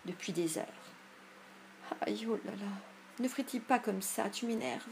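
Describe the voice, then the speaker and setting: A whiny boy from a storybook groans and complains as if he were gravely ill, as a woman reads him. His voice sits at an everyday pitch, plaintive and drawn out, with a faint hiss behind it. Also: a little slow. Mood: whimpering.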